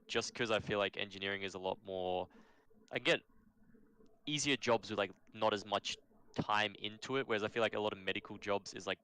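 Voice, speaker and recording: Bright, low-voiced man in his twenties. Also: slight background noise. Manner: reflective, hedging with "I feel like". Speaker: podcast co-host. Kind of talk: casual chat.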